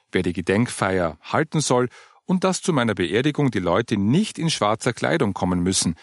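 A male narrator voices a calm, older churchgoing woman who explains things patiently and with gentle cheer. He pitches her a little above his normal register, and her pitch swings widely. The recording is dry and close-miked.

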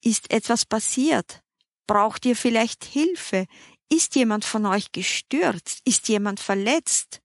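A woman's voice: a little high, expressive, no room sound, studio quality. Frantic fussy older lady, as a woman reads her. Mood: alarmed. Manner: anxious rapid questioning.

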